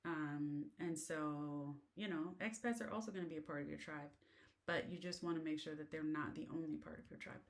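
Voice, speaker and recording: A low, steady voice at normal speed belongs to an American woman talking to the camera in a car. Chatty and rambling, she fills her advice about living abroad with lots of fillers.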